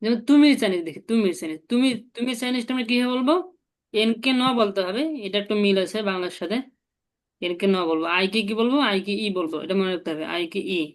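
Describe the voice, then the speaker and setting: A woman's voice: medium pitch, fast. A woman, teaching a language lesson and patiently explaining each step. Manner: patient, explains step by step and asks the learner to repeat.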